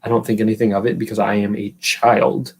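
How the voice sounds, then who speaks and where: A man in his thirties from California hosts a live stream, spinning a long, rambling, profane story in a loose, chatty way while replying to viewers' chat. His voice sits on the low side, with a flat delivery, a brisk pace and a darkish, slightly rough tone.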